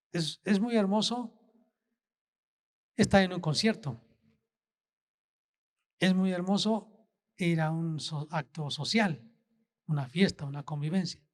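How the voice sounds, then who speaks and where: Pastor guy preaching slow, lots of questions to the church, voice sits kinda high. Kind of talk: sermon.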